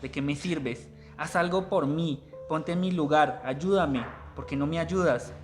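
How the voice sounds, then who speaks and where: Sick angry mom ranting, read out by a guy in a slightly high voice. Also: a little slow, faint music behind, lightly acted. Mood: bitter lament. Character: bitter, ailing older mother lashing out.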